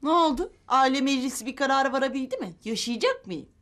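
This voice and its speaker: A sarcastic, restless daughter. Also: female voice, high-pitched, expressive, fast, fairly bright tone. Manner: sarcastic, exasperated. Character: witty, restless young woman stuck at home. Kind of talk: sitcom acting.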